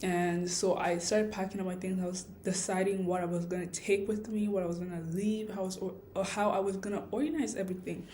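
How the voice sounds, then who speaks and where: A woman's voice: mid-range voice, steady tone, a little fast, few pauses, warm tone, a little hiss or hum. A woman vlogging a personal story in a casual, rambling, reflective way, with a lisp from wearing retainer-like aligners. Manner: rambling, reflective, self-questioning.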